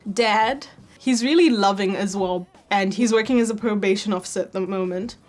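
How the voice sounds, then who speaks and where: Speaking with a mid-range, darkish voice, a young adult woman from Zambia who studies at university gives a candid, conversational documentary voice-over. She frequently fills her speech with "like."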